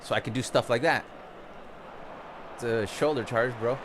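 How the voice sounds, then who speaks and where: A young Costa Rican gaming streamer with a mid-range voice gives casual live commentary and tips at a normal speed while he plays, chatting and coaching his viewers. He is in a home-style room that isn't his own home, and the background is noisy.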